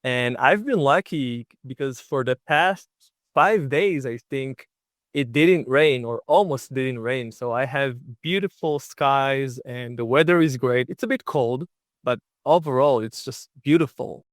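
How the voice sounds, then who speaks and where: A man's voice: mid-range voice, measured pace, no room sound, studio quality. A young man from Israel, a guest telling travel stories in an easygoing, chatty way with many fillers. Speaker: guest, long-distance bicycle traveler. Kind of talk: casual interview storytelling.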